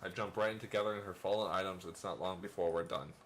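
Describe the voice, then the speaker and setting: A man's voice: low-pitched, fairly even intonation, fast, fairly bright tone, slight background noise. A man hosting a let's play, reading a visual novel's first-person narration aloud with playful asides and chuckles.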